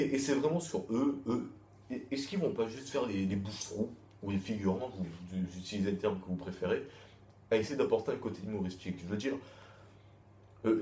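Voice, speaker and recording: A warm, lowish male voice belongs to a manga chapter reviewer whose casual review wanders, repeats, and keeps restarting amid crude slang. It was recorded in an echoey room with faint noise behind it.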